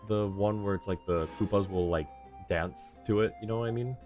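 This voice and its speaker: Livestreaming a video game, this male host talks casually and thinks out loud in a rambling way. His voice is on the low side and darkish, moving a little fast. Game music and character voices play behind him.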